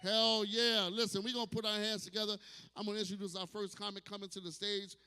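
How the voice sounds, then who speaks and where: A man hosting a stand-up comedy night, loud and profane, hyping the crowd between jokes. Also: sits high, level tone, fast talker, clear, resonant tone. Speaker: comedy show host. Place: comedy show at a distillery. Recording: live venue with long hall reverb.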